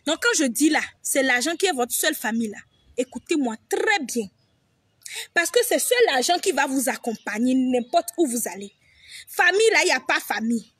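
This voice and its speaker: Young woman, high voice, emphatic and repetitive, dry close sound. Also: lively intonation, normal speed, a bit bright, breathy edge, no echo. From Togo. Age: young adult. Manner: blunt, swears freely. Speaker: vlogger. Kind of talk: direct-to-camera advice monologue.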